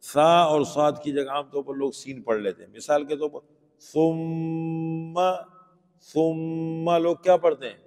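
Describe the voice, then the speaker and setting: Teacher drilling letter sounds in a hall. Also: male voice, a little high, fairly even intonation, a little mellow, faint music behind. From Pakistan. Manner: patient, asks the class questions and drills letter sounds aloud. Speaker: Quran teacher. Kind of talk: classroom Quran pronunciation lesson. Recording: long hall reverb.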